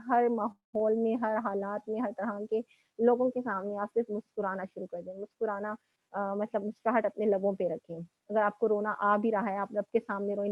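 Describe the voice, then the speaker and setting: A woman's voice: medium pitch, no echo, phone-quality sound. A woman motivational speaker lecturing young women in a conversational way, often checking in with "okay" and mixing in English words. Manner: conversational, repeats "ٹھیک ہے" and mixes in English words.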